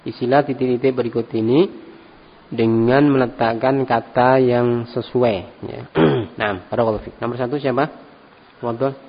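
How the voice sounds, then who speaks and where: A middle-aged man leads a class, easygoing and encouraging, often tagging his phrases with a soft "ya". His voice sits at an everyday middle pitch. The recording is dull and muffled, with a long hall reverb and a faint hum of room noise behind him. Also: normal speed, slightly rough. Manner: relaxed and encouraging, tags phrases with "ya". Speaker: Arabic teacher, religious instructor. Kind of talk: classroom lesson.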